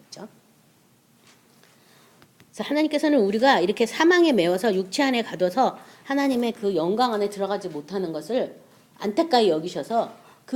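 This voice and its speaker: Lively woman preaching a sermon. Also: mid-range voice. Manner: lively storytelling with laughter and rhetorical questions.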